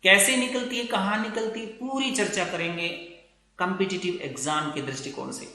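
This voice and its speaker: A man teaching English pronunciation in a video lesson, explaining slowly and checking with his students again and again. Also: sits high, sharp tone. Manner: explains slowly, repeats words and checks with "theek hai na". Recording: very echoey room.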